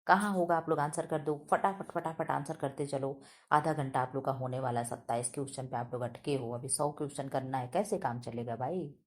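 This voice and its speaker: A woman with a heavy, deep voice teaching an online exam-prep quiz, speaking loudly and emphatically, repeating questions back to students. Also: brisk. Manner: loud, emphatic, scolding-friendly teacher. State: sore throat.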